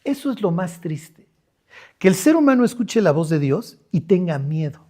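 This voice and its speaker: A man's voice: sits high, sing-song, normal speed, dark tone. Joking Mexican preacher, middle-aged man. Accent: Mexican Spanish. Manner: joking, slangy, acts out scenes, frequent fillers. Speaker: pastor. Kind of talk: lively conversational sermon.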